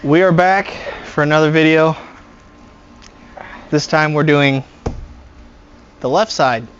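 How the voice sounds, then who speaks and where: A man's voice: fairly high pitch, slow pace, slight background noise. Joking garage-vlog man, muffled audio. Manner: joking, wry banter while working. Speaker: co-host of a repair channel. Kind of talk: casual garage repair vlog.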